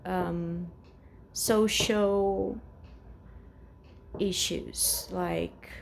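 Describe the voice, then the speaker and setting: A woman's voice: lowish voice, steady tone, drawn-out words, creaky, slight background noise. A woman in her forties from Brazil, speaking English with a Brazilian Portuguese accent and Portuguese as her first language, rambling hesitantly in a casual personal vlog at home. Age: 40s. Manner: rambling and hesitant, many restarts. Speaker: vlogger.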